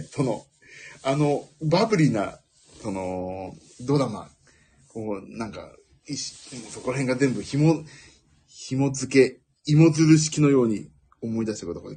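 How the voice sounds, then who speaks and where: Rambling, self-amused man with a husky voice. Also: medium pitch, mellow. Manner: rambling and self-amused, laughing at his own jokes. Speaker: podcast host. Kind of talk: casual solo chat.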